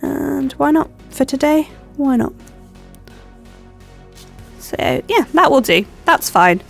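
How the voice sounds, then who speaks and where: High and lively in intonation yet slow in pace, her voice has a gravelly edge over soft background music. She's a young planner vlogger with a stuffy cold, rambling and umming through a plan-with-me session as she decorates.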